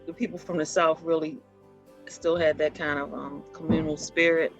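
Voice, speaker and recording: A woman's voice: low-pitched, level tone, moderate pace, dull audio, soft background music. A middle-aged woman from Baltimore, chatting and reminiscing as an interview guest on a video call, with frequent ums and laughs. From Baltimore, USA. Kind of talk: conversational storytelling over a video call.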